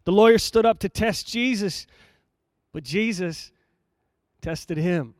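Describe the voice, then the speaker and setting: A man with a high, darkish voice preaches a sermon, reading scripture aloud and explaining it in a measured, emphatic way while repeating phrases for effect. The recording is clean studio sound with no echo.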